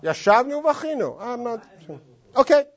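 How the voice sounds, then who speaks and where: A man with a very high-pitched voice teaches briskly in a classroom text study. Animated and from Los Angeles, he sings phrases out in long, drawn tones, and the lo-fi classroom recording sounds dull.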